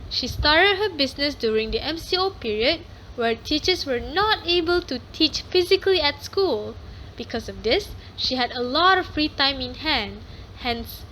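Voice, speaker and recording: A young woman with a high, bright voice reads a class presentation carefully and steadily. A faint hiss of noise sits under her voice throughout. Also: rough recording. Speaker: student presenter. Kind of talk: reading a prepared class presentation.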